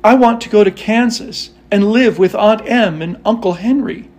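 A man's voice: sits high, normal speed, darkish tone, pitched above the performer's own voice. A man voicing an earnest, homesick little girl in a storybook. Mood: pleading.

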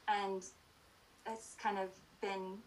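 A middle-aged woman speaking as an interview guest, candidly sharing personal experience in an earnest, halting way that often backtracks. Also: mid-range voice, level tone, slight background noise, poor audio. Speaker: podcast guest.

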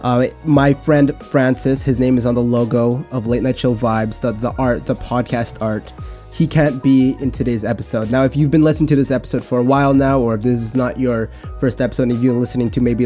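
A young man hosting a casual podcast on his own, talking in a relaxed, rambling way with frequent restarts. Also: medium pitch. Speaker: podcast host. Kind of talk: casual solo podcast talk.

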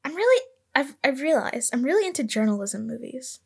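A woman's voice: high voice, sing-song, fairly quick, gravelly, breathy edge. A woman co-hosting a podcast in casual chat, rambling and correcting herself as she gives vibes-based opinions. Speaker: podcast co-host.

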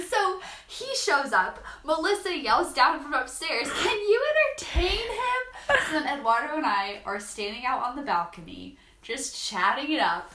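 Young woman, bright high voice, giggly storyteller, echoey room, faint hiss. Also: animated, a little slow, hardly any pauses. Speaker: vlogger. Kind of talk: casual chat.

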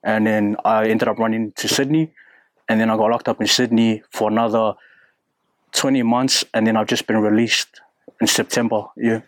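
A young man from New Zealand with a New Zealand accent, talking candidly and haltingly in an interview, with many fillers and restarts. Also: fairly low pitch, little pitch movement, no echo. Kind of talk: casual interview.

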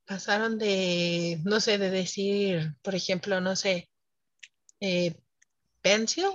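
A woman's voice: medium pitch, fairly bright tone, dry recording, lo-fi sound. A woman, a French teacher, explaining pronunciation in an interview in an emphatic way, laughing often. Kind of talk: interview conversation.

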